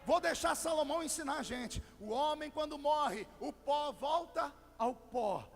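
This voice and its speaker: A Brazilian pastor preaching a Pentecostal sermon, telling a story and building into shouted crescendos, in a large church hall. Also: male voice, very high voice, lively intonation, measured pace, vocal fry. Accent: Brazilian Portuguese. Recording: long hall reverb with faint music.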